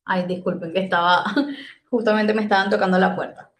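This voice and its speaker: A woman from Venezuela with a Caribbean Spanish accent gives an informal slide lecture in a conversational, halting way, often repeating words as she thinks aloud. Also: mid-range voice, fairly even intonation. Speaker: presenter giving an online talk. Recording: echoey, roomy sound.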